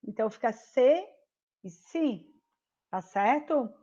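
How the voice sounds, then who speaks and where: A woman's voice: fairly high pitch, expressive, dark tone, highs cut off. A woman teaching a primary school class online, patient and explaining step by step, checking often that the children follow. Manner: slow, patient, repeats and checks with "tá certo?".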